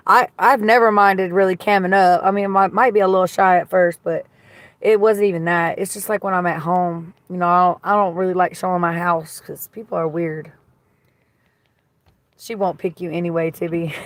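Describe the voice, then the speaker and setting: This woman hosts a livestream, chatting casually and going through viewer comments with blunt, gossipy, swear-heavy remarks. Her voice is medium-pitched and slightly raspy, and there's no room sound.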